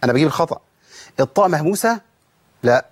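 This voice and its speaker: A man with an Egyptian accent teaching Quran recitation rules. He explains quickly, then stretches syllables slowly to show each sound. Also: on the high side, animated, breathy edge. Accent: Egyptian Arabic. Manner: explains briskly, then draws out sounds slowly to demonstrate them. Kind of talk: tajweed lesson.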